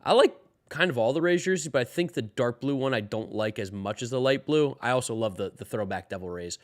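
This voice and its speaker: A man's voice: medium pitch, expressive, a little fast. A man hosting a daily live sports stream, talking loosely and answering chat questions while sounding tired. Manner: loose and rambling, reads chat questions aloud. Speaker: host of a daily baseball stream.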